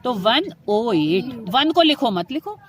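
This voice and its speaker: A woman's voice: on the high side, very animated, takes it slowly, a crowd in the background. A woman teaching chemistry in speech, lecturing students in a classroom style, often asking them questions and answering them herself. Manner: addresses students affectionately, asks and answers her own questions.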